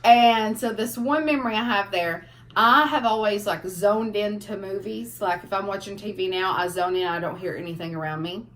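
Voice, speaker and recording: A young woman, casually telling family stories on a vlog, animated as the stories build. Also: mid-range voice, moderate pace. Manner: animated storyteller, laughing through funny parts. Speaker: family vlogger. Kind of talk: casual storytelling.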